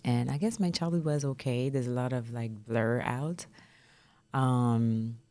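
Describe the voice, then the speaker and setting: Low-voiced woman in her 30s, from france, soft and hesitant, mellow dark tone. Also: a little slow, no echo. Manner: soft-spoken, laughs often, hesitant fillers. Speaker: guest. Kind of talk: casual interview chat.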